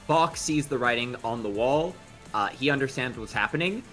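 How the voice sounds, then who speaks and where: Bright-voiced man narrating his character. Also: mid-range voice, expressive, normal speed, faint music behind. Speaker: player.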